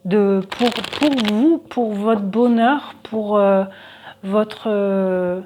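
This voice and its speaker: Slow, hesitant woman reading cards. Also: medium pitch, darkish tone. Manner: hesitant, many fillers, thinking aloud. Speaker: tarot card reader. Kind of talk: casual card reading for viewers.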